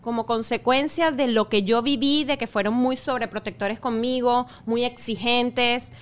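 Reflective woman guest, high voice. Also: fairly even intonation, normal speed. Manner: talkative, reflective, often adds "¿sabes?". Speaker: guest mother of quadruplets. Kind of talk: casual interview chat.

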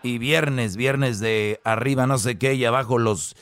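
A man's voice: mid-range voice, unhurried, fairly bright tone, a little hiss or hum. Teasing male radio co-host. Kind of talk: comedic radio banter.

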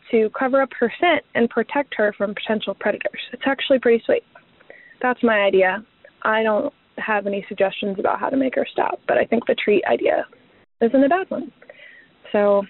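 A woman's voice: on the high side, dry recording. A woman caller leaving a casual voicemail for a show. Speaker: listener calling in to a show. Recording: tinny, dry phone line.

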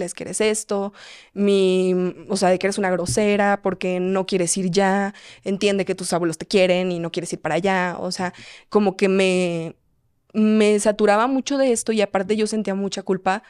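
Podcast host, young woman, halting confessional storytelling, mid pitch, dry close mic. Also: darkish tone, smooth, no echo. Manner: quick, halting, frequent restarts and "o sea". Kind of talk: personal storytelling.

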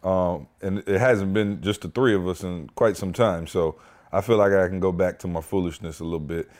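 A man's voice: low-pitched, a little fast, darkish tone. Playful young man hosting a podcast. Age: young adult. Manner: playful, slangy, teasing. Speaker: podcast host. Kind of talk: casual chat.

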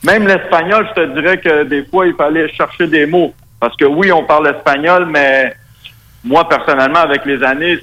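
A man's voice: a little high, normal speed, sharp tone. A man with a Québécois French accent, a metal musician talking casually in a radio interview, rambling with many restarts and fillers. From Quebec, Canada. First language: Spanish. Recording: radio broadcast.

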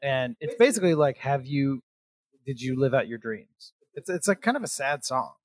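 A man's voice: medium pitch, very animated, normal speed, no room sound. A man co-hosting a podcast, chatting casually about an album, full of fillers and restarts. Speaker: podcast co-host. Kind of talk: casual music chat.

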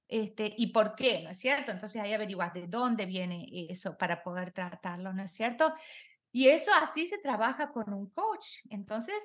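A middle-aged woman, a life coach talking in an interview, reflective, with many rhetorical questions and English words mixed in. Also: a little high. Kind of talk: conversational interview.

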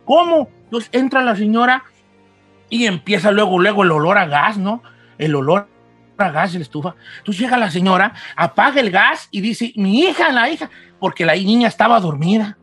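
A man, a show host telling a ghost story in an animated way, acting out the voices and often asking "¿no?". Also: high voice, moderate pace, husky, no room sound, faint music behind. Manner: animated, acts out voices, frequent "¿no?". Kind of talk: oral storytelling.

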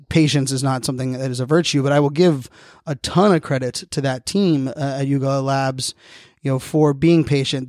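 A man's voice: mid-range voice, a little mellow, no echo. A man hosting a casual solo podcast, rambling and often leaning on "you know", recorded on a close studio microphone. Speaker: podcast host.

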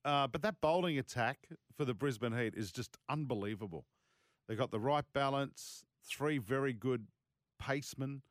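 A man's voice: medium pitch, moderate pace, no echo, studio quality. A man with an Australian accent hosting casual sports talk. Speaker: sports radio host.

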